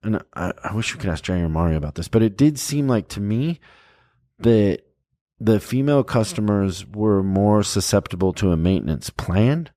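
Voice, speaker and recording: A man's voice: lowish voice, normal speed, no echo, studio quality. A man hosting a casual podcast chat, telling stories from his own work and acting out the customers in them. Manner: animated storyteller, acts out customer exchanges. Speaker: podcast host.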